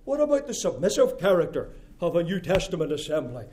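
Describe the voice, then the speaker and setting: A middle-aged man delivers a sermon in a notably high voice for a man. He preaches in emphatic, rhythmic phrases, building to loud declarations and then dropping to soft, confiding asides. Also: very animated, fast. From Nova Scotia, Canada.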